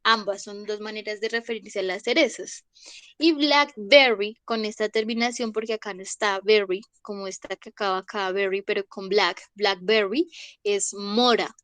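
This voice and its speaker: A young woman, teaching an English vocabulary class online. She goes slowly, says each word twice and checks in with the class. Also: mid-range voice, steady tone, fairly bright tone, no room sound. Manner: slow, repeats each word and asks "¿listo?".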